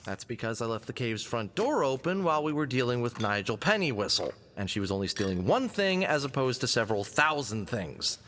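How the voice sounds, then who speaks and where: In a scripted audio drama, a man voices a confident, wisecracking fox adventurer, sounding quippy and self-assured as he explains something. His medium-pitched delivery is very animated, a bit fast and fairly bright, with hardly any pauses. The recording has long, hall-like reverb and a faint hiss or hum.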